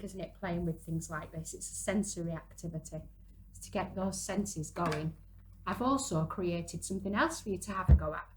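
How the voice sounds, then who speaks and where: A medium-pitched woman in her thirties casually demonstrates a hands-on craft for parents and young children, explaining while she works. The audio is poor, with slight background noise.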